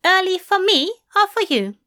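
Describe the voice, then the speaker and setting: A woman voicing a fussy, fond male angel who speaks in a genteel, prim and gently teasing way. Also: extremely high pitch, sing-song, moderate pace, pitched above the performer's own voice, full character voice.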